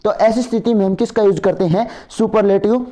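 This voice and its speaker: Man, exam-prep grammar teacher, low warm timbre, repetitive checking-in delivery. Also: fairly even intonation, brisk. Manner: asks students for agreement, repeats words.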